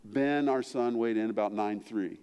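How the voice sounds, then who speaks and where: A man's voice: lowish voice, moderate pace, clean tone. Conversational preaching man in a reverberant hall. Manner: conversational preaching with rising emphatic peaks and quiet asides. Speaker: pastor. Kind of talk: sermon. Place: church sanctuary.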